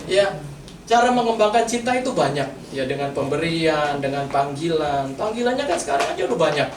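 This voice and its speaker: A man's voice: fairly high pitch, animated, brisk. A male pastor preaching a sermon and talking straight to his congregation in a plain, conversational way. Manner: conversational, addresses the congregation directly. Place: church hall. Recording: echoey hall, mic from far off, noisy.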